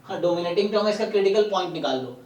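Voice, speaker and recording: A man's voice: sits high, expressive, very fast, a little mellow, echoey room, distant mic, rough recording. A man teaching math in a live online lecture, explaining step by step and often checking in with "है ना".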